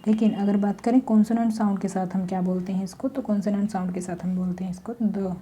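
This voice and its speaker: A woman teaching a grammar lesson, slowly explaining step by step with examples. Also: medium pitch, fairly even intonation, warm tone, slight background noise.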